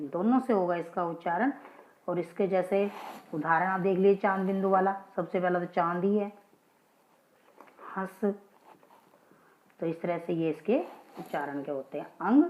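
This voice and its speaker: A woman's voice: fairly low pitch, darkish tone. A woman teaching Hindi grammar in a casual classroom style, patiently asking questions and answering them herself. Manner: patient, checks in with listeners, asks and answers her own questions. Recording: dull lo-fi, echoey room.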